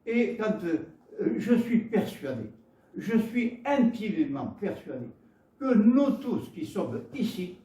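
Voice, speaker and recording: A man's voice: high-pitched, sing-song, roomy sound, far from the mic. A man with a Gascon French accent preaching a sermon, often stumbling and repeating words as he tells homely stories. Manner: halting, repeats words, warm storytelling asides. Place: church hall.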